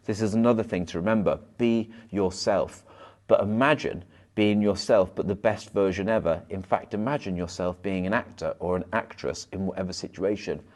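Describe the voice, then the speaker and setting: Male hypnotherapist, low-pitched, fast and slightly stumbling self-help delivery to camera. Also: a little mellow. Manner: rushes his words, occasional stumbles and repeats. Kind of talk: motivational advice monologue to camera.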